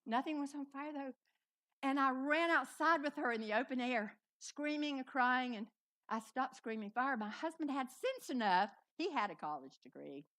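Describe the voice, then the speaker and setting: Middle-aged woman storyteller, bright and a touch high-pitched, animated stage delivery. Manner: dramatic, animated telling with shouted outbursts. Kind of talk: live personal storytelling. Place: live festival stage.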